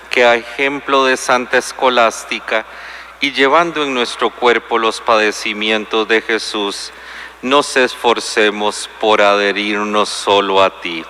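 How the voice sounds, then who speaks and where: A man leading the closing prayers and blessing of a Mass as a priest, speaking in a slow, solemn, measured way with a cathedral echo around him. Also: on the low side, bright, forceful tone, slight background noise. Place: large cathedral. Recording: long cathedral reverb.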